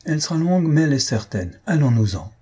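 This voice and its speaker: A man voicing a calm doctor who quietly reassures the family about his patient. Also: on the high side, slightly rough, voice pushed up. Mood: reassuring. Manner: measured, reassuring.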